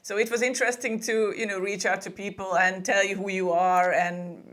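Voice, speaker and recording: A woman's voice: medium pitch, flat delivery, normal speed, fairly bright tone. A woman from Hungary, chatting as a guest in a remote interview. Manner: chatty, with frequent laughs and restarts. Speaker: podcast booking agency co-owner, guest. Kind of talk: casual interview conversation.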